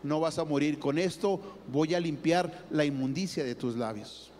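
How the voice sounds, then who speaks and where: A male pastor voicing a calm, reassuring male angel in a sermon retelling, speaking gently. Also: on the high side, moderate pace, slight background noise, pitched below the performer's own voice, lightly acted.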